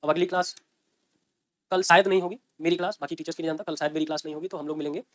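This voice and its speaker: A man's voice: on the high side, steady tone, racing. A man teaching a grammar lecture, explaining step by step and often checking with his students. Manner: explains by repeating and checking with "ठीक है ना?".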